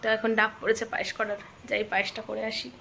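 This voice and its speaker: A woman's voice: mid-range voice, flat delivery, rapid-fire, vocal fry, bright, forceful tone. A young woman from North Bengal, India, chatting and explaining things as she films a home vlog on a handheld phone. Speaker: vlogger. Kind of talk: casual vlog narration. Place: family home in a village during a home puja. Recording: noisy home ambience.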